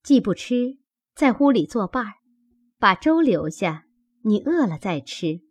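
A woman voicing a composed young head maid who speaks mildly and softly. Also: medium pitch, sing-song, a little slow, slightly rough, no room sound. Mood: gentle.

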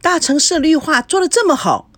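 女声演绎的 娇嗔俏皮的年轻女子. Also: female voice, sits high, very animated, fairly quick, fairly bright tone, no echo, voice pushed up. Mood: teasing. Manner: teasing, coquettish.

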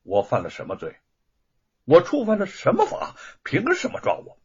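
A man voicing a young scholar who fires sharp, defiant questions. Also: high-pitched, wildly swooping pitch, normal speed, husky, voice pushed up, exaggerated voice. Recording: dull lo-fi recording.

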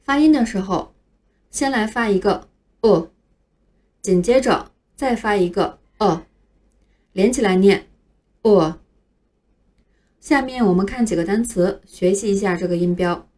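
A woman's voice: mid-range voice, darkish tone. A woman teaching English pronunciation in a scripted phonics lesson, carefully spelling out each word letter by letter. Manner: slow, careful spelling out of words.

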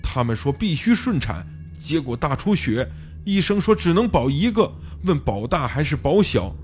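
Male narrator doing a weeping young husband, high stammering voice, catching his breath. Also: very animated, normal speed, faint music behind. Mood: sobbing. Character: young man, distraught new father, weeping.

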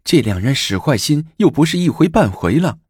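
A man's voice: medium pitch, big pitch swings, normal speed, a little mellow, slightly rough, no room sound, studio quality, voice pushed up. A male storyteller voicing a scheming young empress, speaking in a coaxing yet commanding way in a storybook reading.

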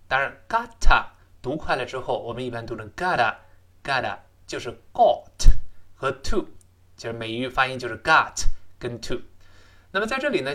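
Male English teacher, native Chinese speaker, recorded lesson; animated, bright delivery; models phrases slowly and repeats them. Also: medium pitch.

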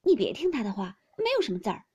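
A woman voicing a poised young woman who speaks calmly and gently chides in a storybook reading. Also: medium pitch, very fast, breathy edge, full character voice. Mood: gently chiding.

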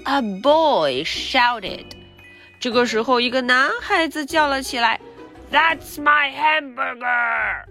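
A young woman reading a children's picture book aloud in two languages, reading lines slowly and then explaining them playfully. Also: high voice, animated, fairly bright tone, soft background music. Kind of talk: bilingual storybook read-aloud.

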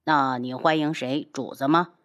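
A woman voicing a cold, sneering young man who talks slowly and with menace. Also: a bass voice, animated, pitched below the performer's own voice. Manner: slow, cold, sneering delivery.

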